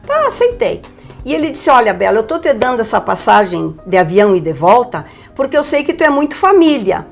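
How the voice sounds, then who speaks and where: A woman's voice: a little high, fairly quick, gravelly, soft background music. An older woman from Brazil, telling her story with energy as a guest on a TV interview. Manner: lively, animated storyteller.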